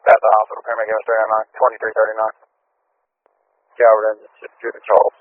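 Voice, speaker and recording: A man's voice: lowish voice, monotone, rapid-fire. A man speaking tersely and procedurally in fire and ambulance radio traffic over a two-way radio. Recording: narrow, tinny emergency radio channel.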